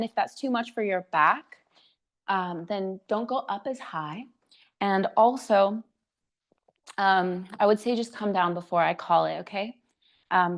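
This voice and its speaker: A woman teaching a live online yoga class, giving calm step-by-step cues for breath and poses, a little out of breath as she demonstrates. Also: medium pitch. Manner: slightly out of breath while demonstrating. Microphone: video call.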